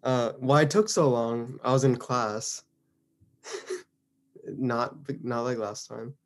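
A man's voice: mid-range voice, slow. A young man co-hosting a podcast in casual chat, easygoing and joking along. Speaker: podcast co-host.

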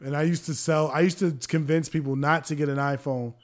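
A man from New co-hosting a casual podcast, hyping up basketball clips with loud bursts of excitement. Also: a little high, fairly quick. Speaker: podcast co-host. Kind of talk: casual chat.

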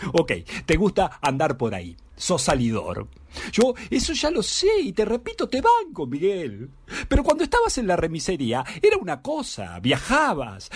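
A frantic wife with an Argentine accent, played by a man reading a theatre monologue, scolds and begs her runaway husband, stumbling over her words. Her pitch swings wildly up and down, and the tone is husky. The sound is dry and close. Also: dry recording, heavily acted. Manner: pleading, exasperated, scolding, stammering.

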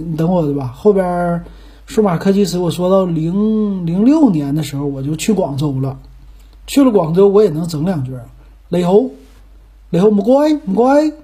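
A man from Northeast China hosts his podcast in loose, folksy chat, tossing out rhetorical questions as he goes. His voice is husky and mellow, with a Northeastern Mandarin accent. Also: high-pitched. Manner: chatty, folksy, musing aloud with rhetorical questions. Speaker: podcast host. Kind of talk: casual chat.

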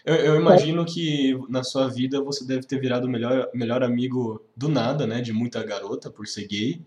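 A male interviewer with a voice of middling pitch, asking his guest long and halting questions. He stops and rephrases them as he speaks. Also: a little mellow.

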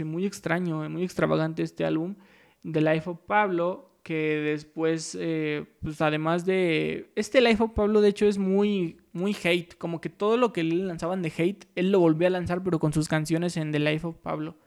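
Gravelly man hosting a podcast. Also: fairly high pitch, darkish tone. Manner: rambling, loose, with many fillers and restarts. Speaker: podcast host. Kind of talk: casual solo podcast monologue.

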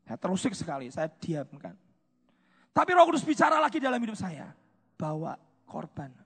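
A middle-aged male pastor giving a sermon, swinging from shouted peaks to hushed near-whispers. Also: high voice, wildly swooping pitch, a little fast, breathy edge. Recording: reverberant hall.

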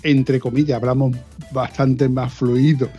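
A man from southern Spain chats casually as a podcast co-host, with a mellow, dark voice. He is animated and acts out the lines he quotes. The recording is dull and lo-fi, with faint music behind. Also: medium pitch, a little slow. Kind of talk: casual chat.

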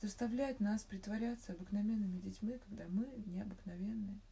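A woman's voice: medium pitch, fairly even intonation, brisk, vocal fry, dark tone, a little hiss or hum, lightly acted. A woman reading aloud as a spirited, impatient schoolgirl who talks eagerly and indignantly. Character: spirited eleven-year-old girl, impatient.

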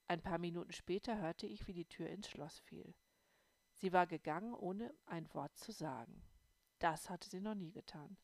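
A woman narrating a first-person audiobook in a calm storytelling manner. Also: fairly low pitch, vocal fry, dry recording. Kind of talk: scripted narration.

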